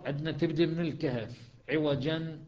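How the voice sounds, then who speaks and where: A man with an Iraqi accent teaching a class on Quran recitation, patiently explaining and slowing down to recite verses. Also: on the high side. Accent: Iraqi Arabic. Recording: dull lo-fi recording.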